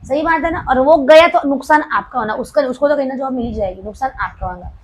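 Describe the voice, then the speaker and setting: A young woman teacher giving a classroom lecture, playfully scolding her students and slowing right down to dictate key terms. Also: sits high, low-quality recording. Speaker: commerce teacher.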